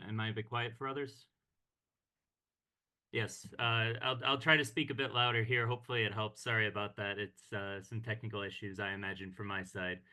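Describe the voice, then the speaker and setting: A man with a bright, forceful tone delivers a formal, measured address over a video call. He speaks as an organization's director, with the odd hesitation between points. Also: medium pitch. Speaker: executive director of a peace organization. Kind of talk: online meeting speech. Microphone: computer mic on a video call.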